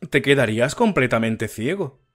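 A man's voice: mid-range voice, expressive, moderate pace, natural voice. A man voicing a kind-hearted small male swallow in an audiobook reading, with a tender, pleading way of speaking.

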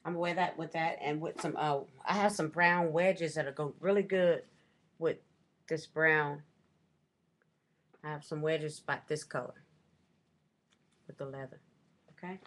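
A middle-aged woman with a low voice talks casually into a desk webcam at home. She rambles through her shopping haul, stopping to correct herself on prices. The talk is loose and chatty. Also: fairly even intonation, a little slow, long pauses. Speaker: vlogger. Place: small room at home, indoors.

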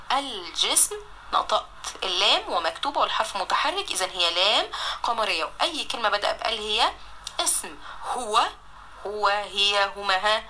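Speaking in a sharp, mid-range voice with an Egyptian accent, she leads a recorded Arabic lesson for primary pupils. She draws each word out slowly to sound it out and showers the children with praise, over slight background noise.

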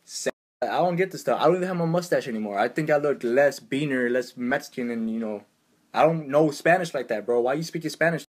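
Young man, husky voice, animated slangy vlog rant, mimics others' lines. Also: mid-range voice, fairly quick. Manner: animated, acts out other people's lines in a raised voice; exasperated, uses slang. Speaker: vlogger. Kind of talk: casual storytelling rant.

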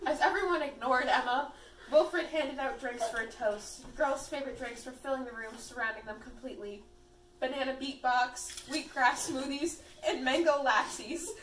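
A woman's voice: high-pitched, a bit bright. A teenage girl casually reading fan fiction aloud with friends, often breaking into giggles. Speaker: fanfiction reader. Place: room at a birthday party. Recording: echoey room, far from the mic, faint noise.

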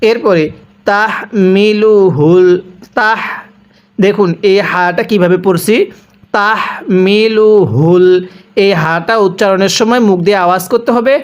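Stretching each syllable slowly, a high-pitched Bangladeshi man walks through Quran recitation one step at a time. Between the drawn-out sounds he explains briskly and keeps answering his own questions, all captured in dull-sounding audio.

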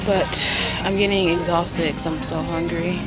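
A woman's voice: lowish voice, fairly even intonation, measured pace, over loud music. A woman chatting casually in a vlog, rambling and laughing often as she talks. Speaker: vlogger. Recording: loud background noise.

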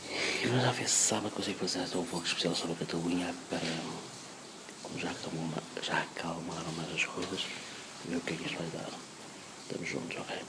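A man in his thirties with a European Portuguese accent, whispering softly into a phone held close while he vlogs indoors at a mosque. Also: low voice, steady tone, a little fast, vocal fry, heavy background noise. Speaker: vlogger. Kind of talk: casual vlog.

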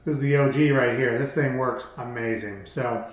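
A man in his thirties hosts a channel, presenting products in a plainspoken, rambling, off-the-cuff way at a moderate pace, his mid-range voice fairly even. The casual vlog is captured by a camera mic across a table in a small hard-walled home room, very echoey with faint background noise.

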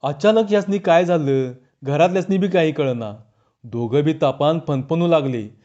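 Mellow-voiced man telling a village tale. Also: a little high, moderate pace, dull audio. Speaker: storyteller. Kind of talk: reading a rural folk tale.

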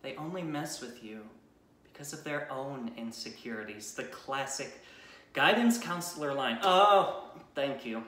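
A young man playing a bitter, wounded bullied high school boy in an anguished, accusing dramatic monologue, swinging between outburst and quiet. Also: lively intonation, measured pace. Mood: bitter sarcasm. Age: young adult. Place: small plain-walled room indoors. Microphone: camera a few metres away. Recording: echoey room, mic at a distance.

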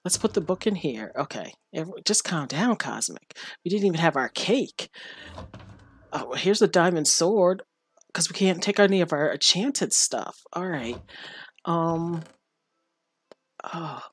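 A chatty woman talks through her game with a lowish, dry voice. She giggles often and speaks to her character as she plays. The sound is close and dry, with no room around it. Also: expressive, a little slow, long pauses, breathy edge, no room sound. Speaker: gamer. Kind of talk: casual gameplay commentary.

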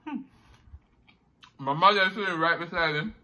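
Man, chewing, mouth full, very bright tone, slightly high voice. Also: moderate pace. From Jamaica. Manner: talks between mouthfuls with satisfied hums. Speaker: mukbang host. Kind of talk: casual eating chat.

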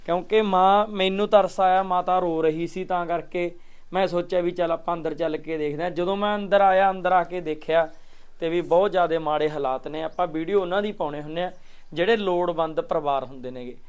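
A man's voice: on the high side, clean tone. A young man with a handheld mic, pleading again and again on camera for help for a poor village family. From Punjab, India. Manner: pleading, repeats requests to share and help. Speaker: charity vlogger. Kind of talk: vlog appeal. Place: outdoors at a village home.

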